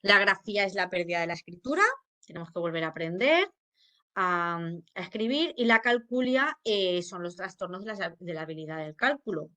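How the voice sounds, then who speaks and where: A woman's voice: medium pitch, fairly bright tone. A woman speech therapist with a Spain Spanish accent gives an informal educational talk. She explains patiently, with many fillers and frequent checks that listeners follow.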